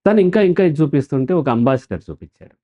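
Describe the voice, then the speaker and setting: Dull audio captures a man with a fairly high pitch speaking fast. He's the counselor guest in an interview, animated and explanatory, who tends to ask a question and then answer it himself.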